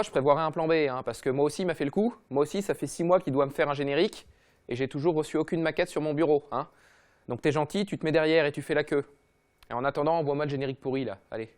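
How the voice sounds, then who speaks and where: A man hosting a comedy football show, ranting in a mocking, slangy, rapid-fire way. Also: on the high side. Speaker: comedy football podcast host. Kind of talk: fast comic rant.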